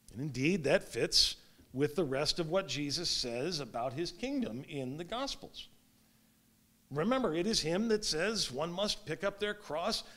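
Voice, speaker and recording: Animated preacher with a lively high voice. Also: male voice. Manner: expressive preaching with wide swings in loudness and emphasis; gestures while preaching standing up. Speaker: pastor. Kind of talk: sermon. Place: small church sanctuary with stone fireplace, indoors.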